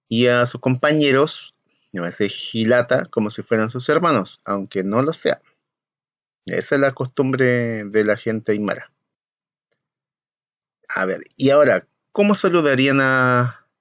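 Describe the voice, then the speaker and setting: A man teaching a language lesson to young children, repeating each word slowly and clearly for the pupils to copy, with a Chilean Spanish accent. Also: mid-range voice, dry recording. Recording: slightly muffled, dry recording.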